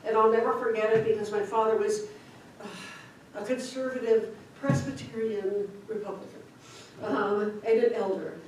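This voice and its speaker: An older woman introducing a guest speaker at church, talking in a warm, rambling way with fillers and small laughs. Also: a little high, steady tone, normal speed. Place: church hall. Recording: echoey church hall, distant mic, faint noise.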